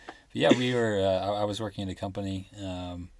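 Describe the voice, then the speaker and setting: A man's voice: sits low, a little fast. A man in his thirties, a guest on a podcast, talking in a laid-back, joking, rambling way. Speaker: guest, former coworker. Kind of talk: casual interview chat.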